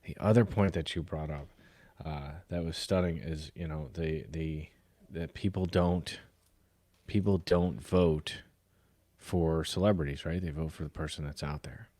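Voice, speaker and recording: Deep-voiced, indignant man in his forties. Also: fairly even intonation, measured pace, no echo. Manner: forceful, indignant, gets loud. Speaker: podcast co-host. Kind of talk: casual political chat.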